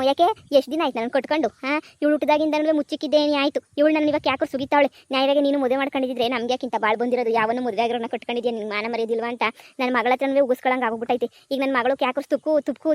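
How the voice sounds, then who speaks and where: A woman's voice: high voice, no room sound, lightly acted. A woman voicing a scolding village mistress. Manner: scolding, threatening. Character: scheming middle-aged village mistress demanding money. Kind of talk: cartoon comedy voice acting.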